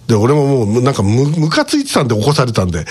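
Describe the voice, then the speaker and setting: A man's voice: medium pitch, huge pitch swings, fast, darkish tone, breathy edge. A middle-aged man, a radio show host, telling a story in a casual monologue and chuckling between points.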